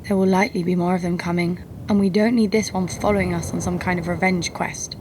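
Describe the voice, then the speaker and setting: In an audio drama, a woman plays a tough, cynical bounty hunter narrating her exploits in the first person, sardonic, cool and wry. Her lowish voice moves at a quick pace with fairly even intonation and is lightly acted. There's background noise and music behind this scripted narration.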